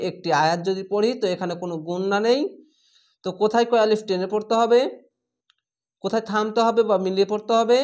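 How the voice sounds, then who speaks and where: A man teaching Quran reading, patiently spelling out Arabic syllables and reciting words in a slow, drawn-out way. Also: sits high, darkish tone. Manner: patient, instructive.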